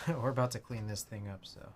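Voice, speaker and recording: A man's voice: fairly low pitch, unhurried. A man hosting a casual livestream while he works, talking informally, half to himself and half to viewers. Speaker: livestream host. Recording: clicks and steady background noise.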